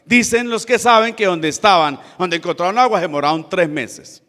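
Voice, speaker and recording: In a church-hall setting with long reverb, a man with a high, sharp-toned voice gives a sermon at a normal speed. He explains scripture plainly and speaks to the congregation as his brothers.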